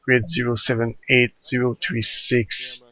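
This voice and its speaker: Flat, terse man giving military orders. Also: mid-range voice, no echo, muffled recording. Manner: terse, procedural, pausing with uhs. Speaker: squad leader in an online military game. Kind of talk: military radio commands during gameplay. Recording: noisy, gunfire behind the voice.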